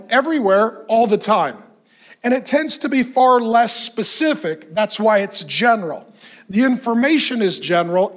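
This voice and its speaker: A middle-aged pastor preaches a sermon from a church stage, animated and conversational, with self-deprecating humor. His voice is high and somewhat hoarse, and he clears his throat.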